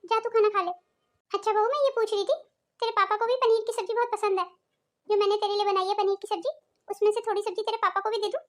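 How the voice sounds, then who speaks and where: A woman voicing a gentle older mother-in-law in a cartoon, speaking in a soft, pleading, patient way. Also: very high voice, fairly even intonation, fast talker. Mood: sad. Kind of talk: cartoon voice acting.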